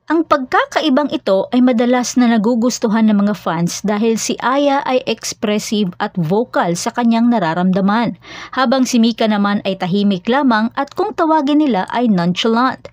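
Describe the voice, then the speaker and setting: A woman reading scripted narration for a fan channel in a steady, explanatory way. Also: a little high, dry recording.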